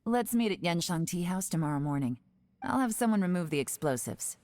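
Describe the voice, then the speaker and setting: An actress playing a shrewd, confident intelligence agent in a video game, speaking in a composed, lightly mocking way. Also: female voice, on the low side, expressive, a little fast, a little mellow, no room sound, natural voice. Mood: calm, assured. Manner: composed, teasing, pointed.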